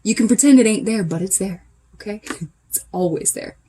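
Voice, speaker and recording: A woman's voice: mid-range voice, fairly quick, mellow, a little hiss or hum. A woman giving a casual channeled tarot reading, chatty and emphatic, coaching her listeners directly. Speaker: tarot reader.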